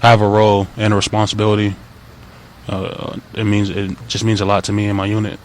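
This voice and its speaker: A young man in his twenties, a college football player answering media questions in a halting, soft-spoken way with many fillers. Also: fairly low pitch, completely flat delivery. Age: 20s. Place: press availability.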